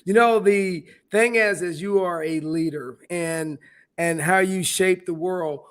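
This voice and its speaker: A man's voice: high-pitched, slow pace, fairly bright tone. A man hosting an interview, effusive with praise and tripping over repeated words as he sets up a question. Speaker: interview host. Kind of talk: conversational interview.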